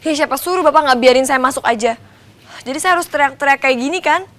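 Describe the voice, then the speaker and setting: An actress playing a determined young woman in a TV soap opera, insistent and often shouting. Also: high voice, fast talker. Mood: defiant.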